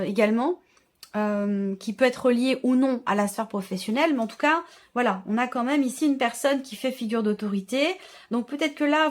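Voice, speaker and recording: A woman with a fairly high voice, the host of a channel, leads a tarot reading. She speaks informally to her viewers, thinking aloud and often rephrasing herself as she interprets each card.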